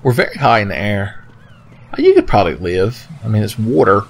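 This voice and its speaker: A man's voice: lowish voice, sing-song, moderate pace, creaky. A man giving joking, sarcastic commentary as he plays a video game, swearing casually. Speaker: video game let's player.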